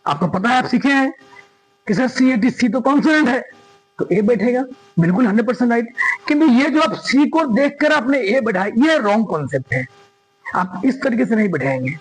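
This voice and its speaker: A man's voice: extremely high pitch, lively intonation, a little fast, slightly rough, low-quality recording. A man teaching grammar, stressing his points with repetition and asking his students questions as he goes. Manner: emphatic, repeats points and quizzes students. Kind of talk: classroom lesson explaining grammar.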